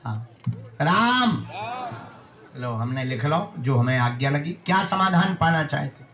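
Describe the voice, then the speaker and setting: A man's voice: fairly high pitch, expressive, a little slow, fairly bright tone. A man acting as a spiritual guru, addressing devotees with short commands and rhythmic pronouncements. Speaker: spiritual guru holding court. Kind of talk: addressing devotees at a religious gathering.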